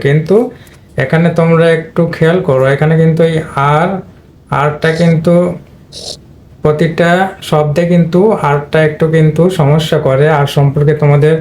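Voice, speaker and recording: Man, teacher, step-by-step explanation, warm tone, fairly high voice. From Bangladesh. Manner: explains step by step, addressing students directly. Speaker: English teacher. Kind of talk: Bengali-language spelling and pronunciation lesson.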